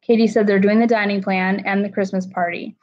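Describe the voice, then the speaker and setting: A woman's voice: medium pitch, little pitch movement, fairly quick. A woman hosting a casual livestream from home, chatting easily and greeting viewers by name from the chat. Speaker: livestream host. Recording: dull lo-fi livestream audio.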